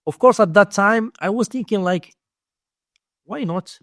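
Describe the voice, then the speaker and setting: High-pitched and a bit bright, a Moroccan-accented man tells stories as an interview guest and domain investing teacher, using halting, repetitive non-native English. The recording is dry.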